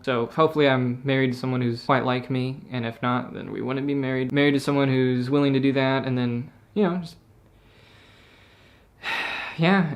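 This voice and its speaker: Rambling young man vlogging to camera. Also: medium pitch. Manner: rambling, animated, uses dude and bro. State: tired. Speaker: YouTuber. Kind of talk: casual Q&A vlog to camera. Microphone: talking to camera.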